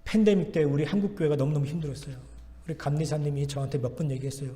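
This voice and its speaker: Korean pastor preaching in a reverberant hall. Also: male voice, fairly high pitch, fairly even intonation, racing, dark tone. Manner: emphatic preaching with repeated exhortations. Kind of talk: sermon. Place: church sanctuary.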